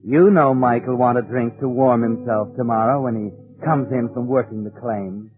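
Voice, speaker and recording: Over dramatic background music, a man narrates a 1940s radio suspense drama in an ominous, insinuating way. His mid-range voice moves at normal speed, and the old radio recording has a narrow, muffled band.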